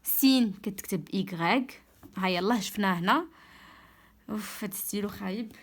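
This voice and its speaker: A young woman with a Moroccan Arabic accent, an online tutor explaining a French lesson, dictating French words slowly. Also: mid-range voice.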